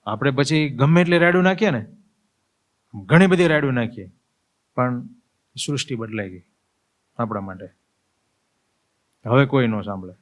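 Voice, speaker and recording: A man's voice: medium pitch, unhurried, long pauses. A man, a swami, giving a spiritual discourse as vivid storytelling and acting out scenes. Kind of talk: spiritual sermon.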